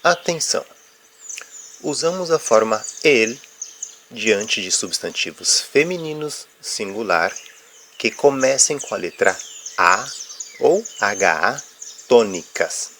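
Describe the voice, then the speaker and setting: A man with a fairly low voice explains grammar at an unhurried, deliberate pace. He pauses on "ah" as he walks through examples and checks in with "ok?". Faint birdsong and insects sit in the background. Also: animated, a bit bright, a little hiss or hum. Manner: uses filler "ah" while explaining. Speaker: Spanish teacher.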